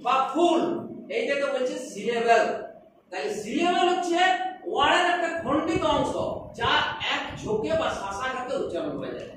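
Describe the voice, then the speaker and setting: A woman's voice: high voice, fairly bright tone, a little hiss or hum. A woman teaching young children English, patiently stretching words out syllable by syllable. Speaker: primary school English teacher. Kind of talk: classroom lesson explanation. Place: classroom. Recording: echoey classroom, recorded from a distance.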